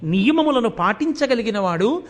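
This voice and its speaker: An older man giving a religious discourse, telling an epic story with sudden shifts in loudness and pace and chanting verses slowly. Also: very high-pitched, very animated. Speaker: spiritual discourse speaker. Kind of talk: Telugu religious discourse on epics.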